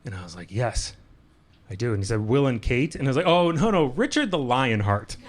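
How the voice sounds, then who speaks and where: A man's voice: mid-range voice, very animated, fairly quick. Man, stand-up comic, self-amused, handheld mic, live club, audible room noise. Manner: self-amused, playful crowd work. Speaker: stand-up comedian. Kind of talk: stand-up comedy set. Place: comedy club stage.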